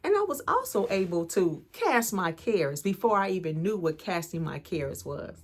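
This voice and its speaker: A woman's voice: fairly low pitch, big pitch swings, moderate pace. Earnest American woman coach talking faith. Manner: earnest, conversational, preacher-like encouragement. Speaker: empowerment coach and channel host. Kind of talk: inspirational faith talk to camera.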